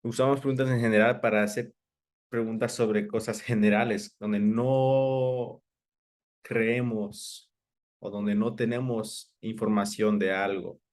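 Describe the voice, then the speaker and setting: Man, English teacher, lower voice, patient, repeats examples, bilingual class. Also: fairly even intonation, darkish tone. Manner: patient, explains slowly, repeats examples and quizzes students by name.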